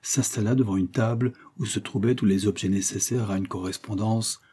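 A male narrator reading a classic novel aloud, measured and expressive in his telling. His voice is low and dark, with a husky, breathy grain. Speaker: audiobook narrator. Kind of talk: audiobook reading.

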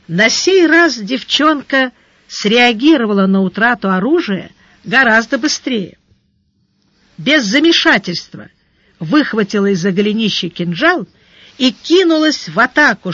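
Slow steady audiobook reader, dry close sound, a bit dull and lo-fi. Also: medium pitch, dry recording. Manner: slow, steady, measured reading. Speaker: audiobook narrator. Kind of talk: scripted fantasy narration.

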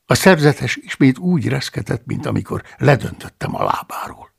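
A man narrates a first-person audiobook with a very gravelly, husky voice. His pitch sits fairly high and moves in lively swings as he reads.

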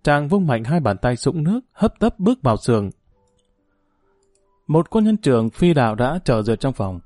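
A man narrates a story in a steady, even telling voice. His pitch sits in the middle for a man. The recording is dry and close, with faint music behind. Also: normal speed, no echo. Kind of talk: audiobook narration.

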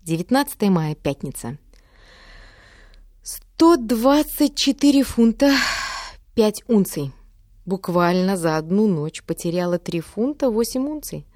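A woman's voice: medium pitch, lively intonation, a little slow, long pauses, darkish tone, dry recording, clean studio sound. A woman reading a first-person diary novel aloud, in a wry, matter-of-fact manner. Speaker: audiobook narrator.

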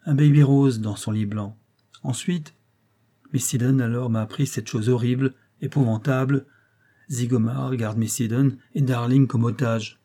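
A man's voice: mid-range voice, mellow, lightly acted. A man reading an audiobook voicing a loyal male informant who reports eagerly and confidingly to his chief.

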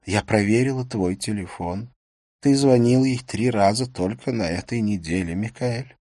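A man's voice: lowish voice, moderate pace, warm tone, no room sound, lightly acted. Give me a wounded wife, jealous and near tears, as a male audiobook reader puts her on, accusing her husband. Her voice rises above the reader's own, with a dry, close sound. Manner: tearful, accusing.

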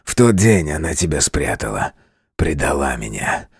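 A man voicing a broken, hateful male demon king in an audiobook, speaking slowly and bitterly, moving between hollow mutters and frantic cries. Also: rumbling low, very animated, slightly rough, no echo, clean studio sound, full character voice. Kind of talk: audiobook character voice.

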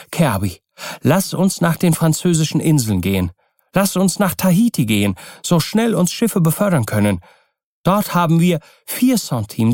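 A man's voice: fairly high pitch, darkish tone, dry recording, studio quality, voice pushed up. A man voicing a devoted, determined young wife in an audiobook reading, in a pleading, earnest manner.

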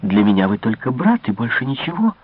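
A man's voice: sing-song, brisk, breathy edge, dry recording. Coy young princess, as a man reads her. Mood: coy, pleading. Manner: raised, lilting pitch for a woman's part. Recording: dull lo-fi dry recording.

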